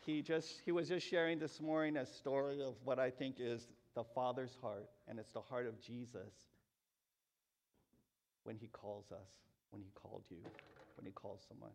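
A man preaching a sermon as pastor, earnest, dropping soft on key lines. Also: mid-range voice, steady tone, normal speed, vocal fry, a little hiss or hum.

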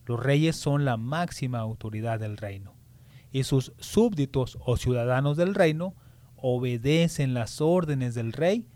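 A man's voice: medium pitch, unhurried, warm tone. A man hosting a children's radio program, explaining things simply to young listeners.

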